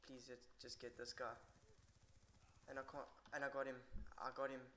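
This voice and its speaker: A man's voice: mid-range voice, flat delivery, moderate pace, a bit bright, slight background noise. A tired man giving rambling, irritable live commentary on his own match and swearing a lot. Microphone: poor computer mic.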